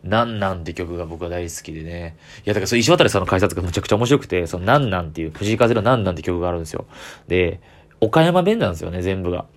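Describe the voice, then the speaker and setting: A man's voice: sits low, animated, very fast. A man with a Kansai accent, chatting on his own as a comedian podcaster, rambling with easy enthusiasm. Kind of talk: solo casual chat.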